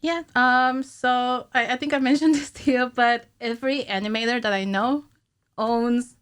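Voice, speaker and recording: Her voice sits on the high side, a bit bright and clean, with a steady tone, moderate pace, and no echo. This woman, around her thirties, is an animator guesting in a casual podcast interview, explaining things in a giggly, informal way. She's recorded in a small indoor podcast studio on a close, stand-mounted studio mic.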